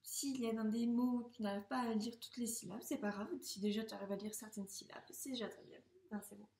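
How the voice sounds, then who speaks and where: A woman teaching first graders to read, speaking slowly and patiently, sounding out syllables and gently encouraging the child. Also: a little high, fairly even intonation. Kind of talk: slow, patient reading lesson for young children. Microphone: camera. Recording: echoey room.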